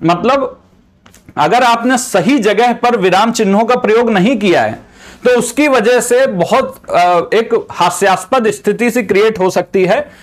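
A man with a fairly high voice delivers an exam-preparation lecture. He explains patiently, restating each point in several ways before moving on. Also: a little slow. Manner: explanatory, repeats and rephrases points. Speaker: teacher.

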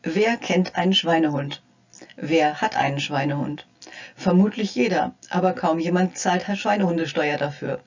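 A woman's voice: low-pitched, moderate pace, muffled recording. Friendly older woman health coach. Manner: friendly, addressing the viewer directly, gently playful. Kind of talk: scripted narration to camera.

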